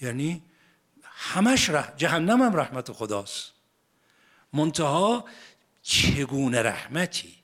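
A man giving a sermon, drawing out quoted verses slowly and then explaining them in everyday speech. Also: mid-range voice, fairly bright tone. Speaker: cleric giving a religious lesson. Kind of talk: Persian sermon with Arabic quotations.

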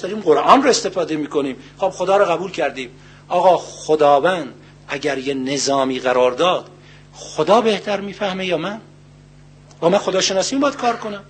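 An older man giving a religious sermon, earnest and full of rhetorical questions, slowly reciting Arabic verses. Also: sits high, breathy edge. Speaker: cleric.

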